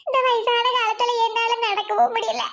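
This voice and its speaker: A woman puts on a grieving old village grandmother from a cartoon, who speaks in a piercing, very high voice with a Kanyakumari Tamil accent. She wails and blames herself over and over, fretful and tearful. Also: steady tone, normal speed, a bit bright. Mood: lamenting. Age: over 70 (figure). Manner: lamenting, self-blaming. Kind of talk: animated comedy voice acting.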